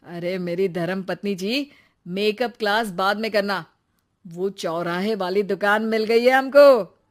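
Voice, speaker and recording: An eager young shopkeeper husband, voiced by a woman for an animated story. He talks in an excited, teasing way, with an everyday mid-pitched voice. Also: unhurried, natural voice. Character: young married man, eager shopkeeper son.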